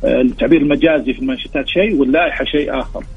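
Husky, quick-talking Saudi man explaining. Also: mid-range voice. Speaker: guest expert, sports historian. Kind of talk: explanatory interview talk. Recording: dull lo-fi radio sound, music behind.

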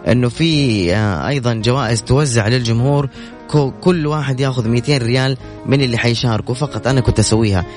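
A man hosts a lively call-in radio show, rattling along at a quick clip with a jokey, teasing manner. Faint music plays behind him in the studio. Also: medium pitch. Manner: fast, jokey and teasing with callers. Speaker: radio host.

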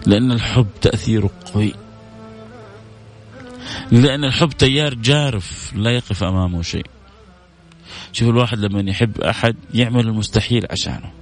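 A man's voice: lowish voice, a little fast, pauses often, faint music behind. Fervent man preaching. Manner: fervent, repeats exclamations with rising emotion. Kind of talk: emotional religious sermon.

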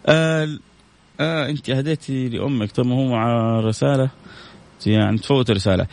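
A man's voice: medium pitch, brisk, gravelly, darkish tone. A man hosting a religious call-in show, chatting casually, reading viewer messages aloud and repeating phrases for emphasis. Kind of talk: casual broadcast talk with religious advice.

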